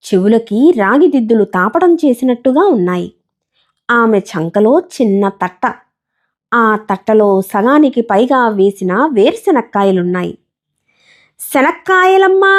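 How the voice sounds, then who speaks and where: Expressive woman narrating a story. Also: mid-range voice. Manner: expressive, animated reading. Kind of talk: scripted audiobook narration.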